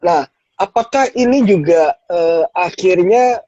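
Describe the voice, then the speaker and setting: A male host asks his guest questions in a relaxed chat, with many fillers and quick agreements. His voice is high and mellow. The recording is dry and dull. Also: dry recording. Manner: agreeable, many short affirmations, hesitant fillers. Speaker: talk show host. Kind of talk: casual interview chat.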